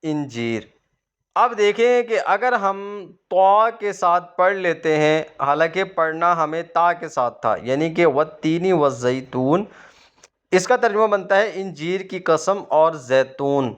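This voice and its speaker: A man's voice: high-pitched, fairly bright tone, smooth. A man teaching Quran reading to beginners, patiently asking questions and then answering them himself. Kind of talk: explaining a lesson to beginners.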